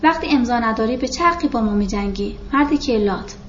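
A woman's voice: fairly high pitch, lively intonation, a little hiss or hum, lightly acted. Audiobook colonel: proud, hot-tempered man, scornful and menacing, read by a woman, dull lo-fi sound. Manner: scornful, threatening. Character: haughty quick-tempered male army colonel. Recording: roomy, dull lo-fi recording.

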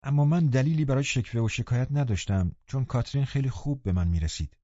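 A man narrating a novel in a calm, measured way, his voice dark and mellow. The sound is dry and close, slightly dull and muffled. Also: medium pitch, no echo. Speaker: audiobook narrator. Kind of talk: scripted narration.

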